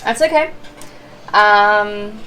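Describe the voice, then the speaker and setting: A woman's voice: medium pitch, very slow, sharp tone. A woman chatting casually as a player in a tabletop role-playing game. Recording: distant mic, noisy room ambience.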